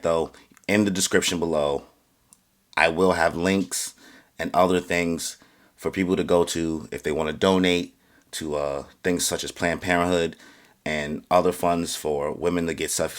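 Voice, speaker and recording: A male vlogger rants earnestly to camera with a halting opinion piece full of fillers and restarts, keeping a steady tone even as he grows louder and higher-pitched with rising heat.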